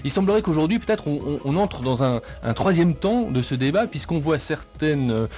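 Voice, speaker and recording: A man co-hosting a radio panel discussion, framing long questions with many pauses and restarts. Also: a little high, animated, a little mellow, soft background music. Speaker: radio co-host.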